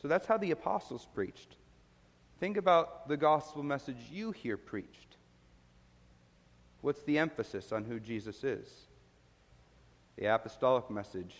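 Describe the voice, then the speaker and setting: Male pastor, mid-pitched, earnest teaching sermon, long hall reverb. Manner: earnest, explains word meanings, asks listeners questions.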